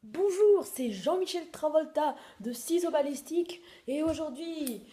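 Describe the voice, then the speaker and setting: A woman's voice: animated, measured pace, warm tone. A woman doing a pushy TV ad salesman. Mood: salesy. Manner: mock-commercial sales pitch. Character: pushy male TV ad salesman for ballistic scissors.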